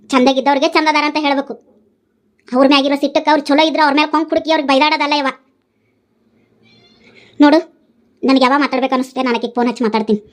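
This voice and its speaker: A woman's voice: sits high, lightly acted. A woman voicing a pregnant young wife in a cartoon, defending herself to her mother in a North Karnataka Kannada accent. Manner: defensive, pleading, explaining.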